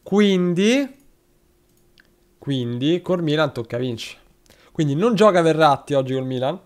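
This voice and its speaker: A man with a slightly high, expressive voice talks at a measured pace while commentating live on a football manager game. He chats with viewers, thanks subscribers and speaks to his players, giving chat shout-outs along the way.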